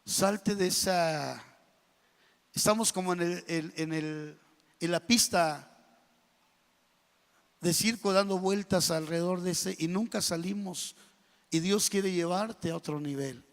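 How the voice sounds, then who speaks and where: A man preaching a sermon in a church, telling a parable with lively storytelling and bursts of loud, emphatic speech. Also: sits high, takes it slowly, pauses often. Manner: storytelling preacher, building to shouts when voicing the angry king. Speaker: pastor. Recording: reverberant church hall.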